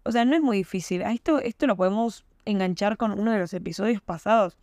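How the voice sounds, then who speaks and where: A woman's voice: mid-range voice, quick pace, a little mellow, no echo, clean studio sound. A young woman with an Argentine accent hosting a podcast, talking casually and emphatically with rhetorical questions. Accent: Argentine Spanish. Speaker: podcast host. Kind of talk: casual monologue.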